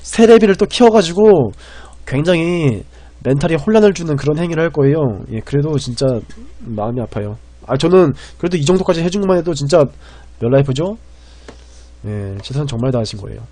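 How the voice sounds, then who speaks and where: Man, game streamer, fairly high voice, excitable, rambling, loud bursts then mutters, keyboard clatter behind. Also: fairly quick. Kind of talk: live game commentary.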